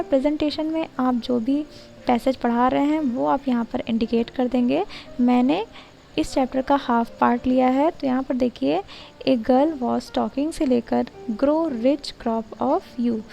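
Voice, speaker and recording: Young Indian woman, high voice with a mellow tone; steady, instructive tutorial presenter, faint music underneath. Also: gravelly, lo-fi sound. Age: young adult. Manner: steady, instructive, reads English lines slowly and deliberately. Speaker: education channel presenter. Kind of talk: explanatory tutorial voice-over, Hindi mixed with English.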